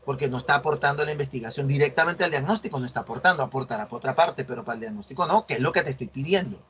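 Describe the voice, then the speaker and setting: With slight background noise, a man races along in a medium-pitched, somewhat bright voice. He's a university teacher explaining a research assignment online, correcting students and checking often with "¿sí ven?" that they understand.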